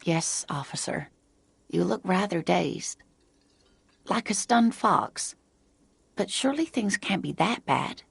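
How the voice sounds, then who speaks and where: Old woman, game character, creaky, husky; doting and scatterbrained. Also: on the low side, lively intonation, slow pace, long pauses, fairly bright tone, dry recording, exaggerated voice. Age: older. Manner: doting, talkative.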